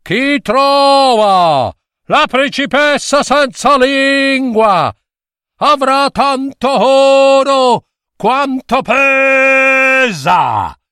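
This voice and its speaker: A man's voice: mid-range voice, animated, slow pace, vocal fry, a bit bright, no room sound, clean studio sound, heavily acted. A man voicing a short-tempered old king who bellows his orders. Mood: bellowing.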